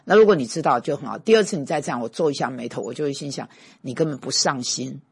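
A middle-aged man, a pastor and teacher telling personal stories in a conversational sermon, emphatic and given to forceful bursts. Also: mid-range voice, expressive, rapid-fire, creaky, husky, no room sound, clean studio sound.

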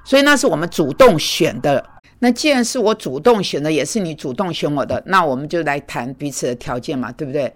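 A woman's voice: low voice, a little fast. Blunt scolding woman preacher. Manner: blunt, scolding, lively and animated. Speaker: preacher and mentor. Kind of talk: sermon. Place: speaking in Manhattan.

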